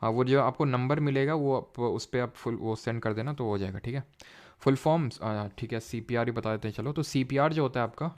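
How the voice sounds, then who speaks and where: This is a man teaching a live online lesson, mixing English technical terms into Hindi. He moves step by step and often pauses to question the class and check that everyone is following. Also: mid-range voice. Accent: Indian English terms mixed into Hindi. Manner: explains step by step, asks quiz questions, says "ठीक है" often. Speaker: online tutor.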